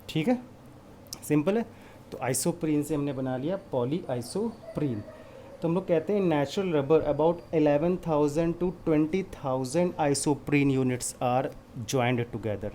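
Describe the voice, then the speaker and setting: A man's voice: fairly high pitch, dark tone, a little hiss or hum. A male chemistry teacher lecturing a class. He goes step by step, puts questions to the class and answers them himself, and mixes English terms into his speech.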